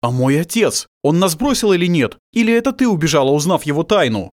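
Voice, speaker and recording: A man's voice: fairly high pitch, sing-song, brisk, dry recording, clean studio sound, voice pushed up. A male audiobook reader voicing a stunned, earnest young man pressing urgent questions. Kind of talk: audiobook character voice.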